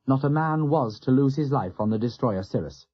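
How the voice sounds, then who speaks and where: A man narrating a war novel as an audiobook in a measured, dramatic way. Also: medium pitch, expressive, slightly rough. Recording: dull lo-fi audio.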